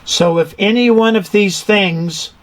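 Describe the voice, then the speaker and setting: High-pitched man giving technical instruction. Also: unhurried, a bit bright, poor audio. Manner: methodical, quizzes the learner. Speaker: instructor giving an engine room tour. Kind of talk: hands-on technical explanation.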